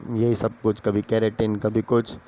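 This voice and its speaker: A man's voice: fairly low pitch, completely flat delivery, normal speed, noisy background. A man casually telling an office story aloud, acting out the characters' dialogue in a chatty way. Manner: chatty, acts out dialogue with raised voice.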